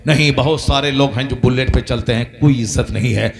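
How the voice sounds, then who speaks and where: A man's voice: medium pitch, fairly quick, creaky, a crowd in the background. A man preaching a sermon, building his points through repeated refrains and rising to impassioned peaks. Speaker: Islamic preacher.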